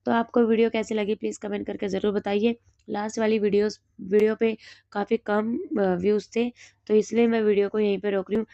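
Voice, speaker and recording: A woman with a hoarse throat, teaching exam notes and asking and then answering her own quick questions. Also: mid-range voice, flat delivery, dry recording, muffled recording. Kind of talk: reading through study notes.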